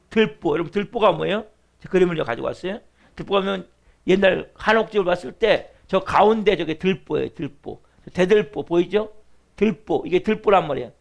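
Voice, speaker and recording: A man's voice: high-pitched, vocal fry. A man preaching as the pastor of a church, pressing the congregation with repeated rhetorical questions in an earnest sermon. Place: church sanctuary.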